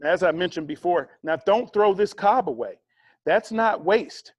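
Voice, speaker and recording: A man leading a casual cooking demonstration, chatty and relaxed, explaining each step with fillers and friendly asides. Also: high-pitched, a little slow, no echo. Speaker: cooking instructor.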